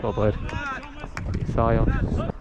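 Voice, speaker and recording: A man cheering from the sidelines at a club cricket match, bursting into excited shouts and exclamations. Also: fairly low pitch, drawn-out words. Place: cricket ground outdoors. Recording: dull lo-fi outdoor sound with loud noise.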